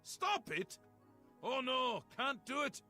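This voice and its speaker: A man's voice: very animated, takes it slowly, pushed and bright, faint music behind, heavily acted. A man playing a mad, theatrical ruler-god of madness in a fantasy game, flamboyant and mercurial, swinging between glee and menace. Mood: agitated. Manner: flamboyant, swinging from gleeful cries to low menace. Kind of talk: fantasy game character acting.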